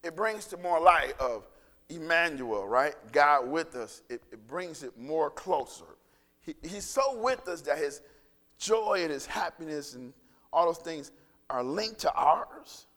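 A man's voice: on the high side, expressive, unhurried, fairly bright tone, long reverb tail. A man preaching a sermon in a conversational style, acting out the voices he quotes, then leading a closing prayer. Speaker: pastor.

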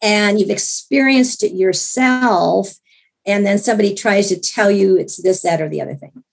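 A hoarse woman with a gravelly voice, recovering from illness, telling a personal story in an interview in a chatty way with many restarts and wry asides. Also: medium pitch, normal speed. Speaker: interview guest.

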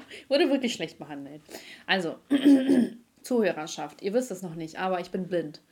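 A woman hosting a podcast, telling a story in a lively, slangy way with frequent laughter. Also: on the low side, moderate pace. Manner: animated, slangy, laughs often. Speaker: podcast host. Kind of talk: casual storytelling chat.

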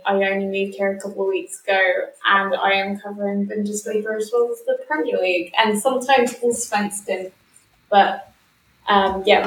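A woman's voice: mid-range voice, recorded from a distance. A woman talking casually as a football journalist guest on a podcast, recorded in an echoey room away from the mic.

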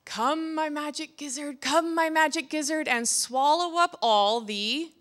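Brief: woman putting on a defiant storybook rooster, high and bright, crows loud and stubborn. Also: unhurried. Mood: chanting. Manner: crowing, shrill and insistent. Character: valiant indignant male red rooster.

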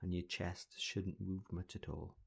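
A man leading a guided breathing exercise in a slow, soothing, deliberate voice, counting breaths. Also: deep voice, flat delivery, vocal fry, slightly rough. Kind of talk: calm guided relaxation exercise.

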